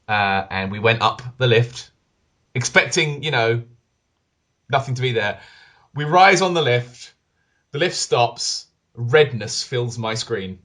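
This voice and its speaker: A man co-hosting a podcast, telling a gaming story in animated fashion and acting out the quotes in casual chat. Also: medium pitch, takes it slowly. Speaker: podcast co-host.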